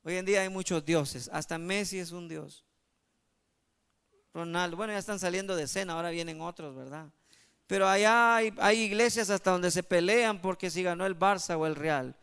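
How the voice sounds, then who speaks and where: A man preaching a sermon as pastor, animated and calling on the congregation to answer. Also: high voice, moderate pace, clear, resonant tone. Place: church.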